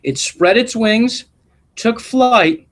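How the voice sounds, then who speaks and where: A very high-pitched man takes on the role of a principal reading a picture book to schoolchildren. He narrates with deliberate, expressive care and slips in short asides.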